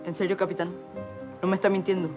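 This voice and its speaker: An actor plays a naive young lookout with a high voice and quick, eager speech. He asks questions in wide-eyed wonder while faint music plays behind. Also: little pitch movement, close to an everyday voice.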